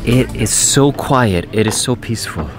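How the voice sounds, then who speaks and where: A man's voice: medium pitch, moderate pace. A young man from Iceland, a travel vlogger talking eagerly to a camera held at arm's length outdoors by a beach. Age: young adult. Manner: enthusiastic, talks to camera. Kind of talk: casual travel vlog. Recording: music playing under voice.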